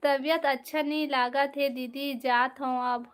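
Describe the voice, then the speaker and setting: A woman with a Chhattisgarhi accent hosting a casual live stream, reading out viewer comments and gently telling people off. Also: sits high, steady tone, measured pace. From Chhattisgarh, India. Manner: reads out and answers viewer comments, scolds gently.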